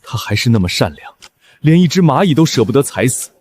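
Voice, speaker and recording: An actor playing a sentimental, lovesick commander, mournful and melodramatic, in an animated drama. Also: male voice, medium pitch, fairly quick, lightly acted. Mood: lovesick sorrow. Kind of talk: dramatized animated-comic dubbing.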